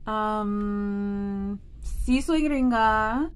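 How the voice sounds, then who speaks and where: Here the New Jersey vlogger's voice lands at medium pitch, and she draws out her words over a noisy background. The woman in her thirties, an American-accented native English speaker, is again chatting expressively to camera indoors in a small room.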